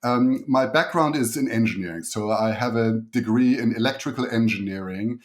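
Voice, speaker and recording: A middle-aged man from Germany speaks with a German accent at an average pitch. He answers conversationally, as a guest being interviewed on a podcast. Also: normal speed. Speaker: podcast guest, engineer and investor.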